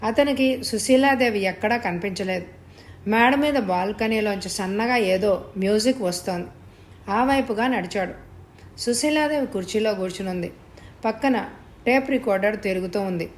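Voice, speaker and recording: A woman narrating a suspense story in a measured, steady reading voice. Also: medium pitch. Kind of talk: scripted narration.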